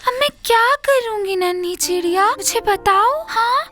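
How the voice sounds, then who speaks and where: A woman voicing an emotional young princess in a storybook tale, speaking high and breathless, close to tears. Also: animated, measured pace. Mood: distressed.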